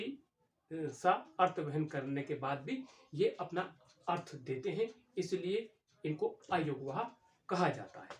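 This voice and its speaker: A man giving an exam-prep grammar lesson as a Hindi teacher, explaining step by step and pausing on drawn-out fillers. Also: a little high. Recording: echoey room, voice from far off the mic.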